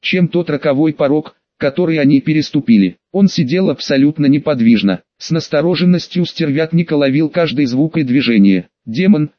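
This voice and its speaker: A man with a slightly high voice reads a fantasy audiobook in a steady storytelling manner. The recording is close and dry, with a dull, muffled top end. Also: a little fast, few pauses, no echo. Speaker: audiobook narrator. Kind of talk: scripted narration.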